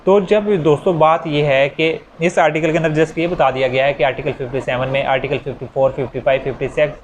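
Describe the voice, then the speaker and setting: In this low-quality recording with slight background noise, a man with a high-leaning voice and a Pakistani accent explains law step by step in an informal lecture. He uses worked examples, repeats important phrases and blends in English legal terms.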